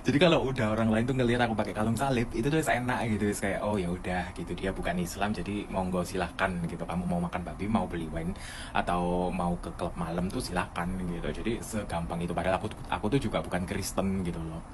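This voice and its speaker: A young man, a student abroad, telling a casual vlog story in an animated way and acting out the people he quotes. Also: sits low, fast talker, noisy background. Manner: animated, acts out quoted dialogue. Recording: music playing under the voice.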